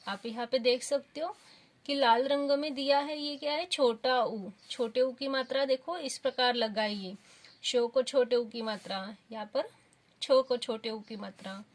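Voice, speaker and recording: A woman teaching young children, her voice a little high. She talks very slowly and patiently and sounds out each syllable with care. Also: steady tone. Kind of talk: children's lesson.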